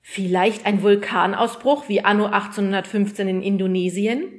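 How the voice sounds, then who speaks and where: A woman's voice: mid-range voice, fairly even intonation, normal speed, lightly acted. A woman voicing a zany male TV weatherman who announces everything theatrically. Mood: showy.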